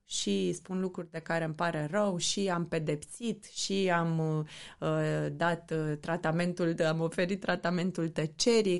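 A woman's voice: fairly low pitch, vocal fry. A woman from Romania, a mother, talking earnestly and reflectively as an interview guest. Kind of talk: candid interview talk.

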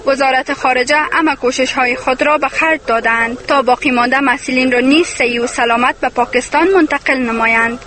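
A woman's voice: sits high, a bit bright. A woman with an Afghan accent reading a scripted news report as a radio correspondent. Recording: slightly noisy radio field report.

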